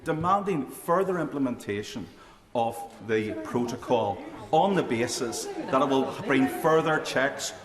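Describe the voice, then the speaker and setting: A man's voice: mid-range voice, measured pace. Male MP, emphatic parliament speech, echoing chamber with audible crowd. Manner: emphatic, repeating phrases. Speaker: member of parliament. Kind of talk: parliament speech, formal challenge. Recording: echoey chamber with crowd murmur.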